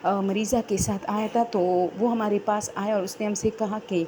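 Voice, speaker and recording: A woman's voice: medium pitch, steady tone, dark tone, slight background noise. A woman telling her own horror story in a rambling, unscripted, conversational way.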